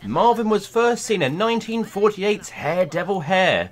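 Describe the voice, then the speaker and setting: A man hosting a video, reading a scripted countdown narration in a playful, lively way. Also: high voice, normal speed. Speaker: YouTube host.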